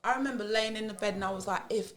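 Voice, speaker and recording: A woman's voice: medium pitch, very fast. Frank, laughing London woman in her thirties. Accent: London English. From England. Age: 30s. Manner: frank, animated, laughs often, swears freely. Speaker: podcast guest. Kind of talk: casual chat.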